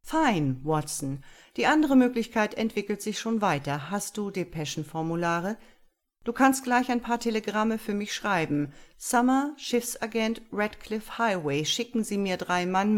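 A woman reading the part of a brisk, confident male detective, voiced lively and raised. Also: mid-range voice, lightly acted.

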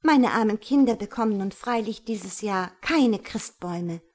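A woman voicing a gentle, earnest holy child who pleads sweetly for help. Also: on the high side, unhurried, pitched above the performer's own voice. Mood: pleading.

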